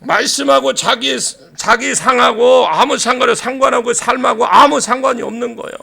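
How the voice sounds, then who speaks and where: A male pastor delivers a church sermon in a strikingly high, heavily gravelly voice with a bright, forceful edge. He is animated, acting out scenes and breaking into shouts for emphasis. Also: moderate pace. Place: church sanctuary.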